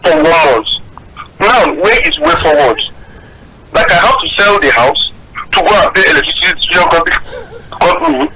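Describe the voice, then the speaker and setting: A man's voice: on the high side, lively intonation, normal speed, pauses often. A man phoning in to a talk show, earnest and aggrieved, asking rhetorical questions over a phone line. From Nigeria. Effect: heard over the phone. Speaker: radio-TV phone-in caller. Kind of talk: call-in commentary. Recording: noisy, distant phone line.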